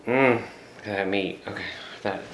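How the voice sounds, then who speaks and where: Man, eating vlogger, rambles as he chews, bright forceful tone, off-mic in a roomy, faintly hissy space. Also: on the low side, takes it slowly. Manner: rambling, chatty, talks while chewing. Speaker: mukbang vlogger. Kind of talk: casual eating vlog. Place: indoors, filming alone. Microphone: camera mic set up by himself. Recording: echoey room, mic at a distance, faint noise.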